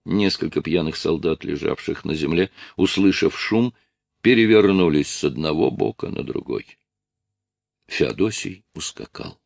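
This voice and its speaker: Deep gravelly male audiobook narrator. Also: a little slow, no echo.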